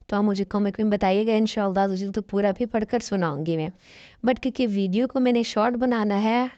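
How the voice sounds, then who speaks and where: A woman's voice: mid-range voice, warm tone, dry recording, highs cut off. A woman with a Pakistani Urdu accent teaching Quran reading, spelling out letters and drawing out each syllable with patient instruction. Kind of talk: slow spelled-out recitation lesson.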